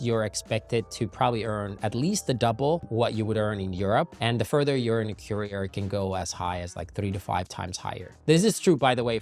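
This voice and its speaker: A young adult man from Finland, talking casually to camera as a YouTuber and entrepreneur, and lifting his voice on key points. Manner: conversational, lively rises in pitch and loudness on key points.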